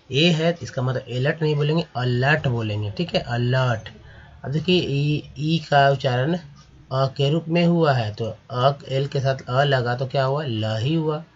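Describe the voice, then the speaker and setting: A man teaching English vocabulary and pronunciation in Hindi, explaining patiently and repeating each word slowly for his viewers. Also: mid-range voice, lo-fi sound.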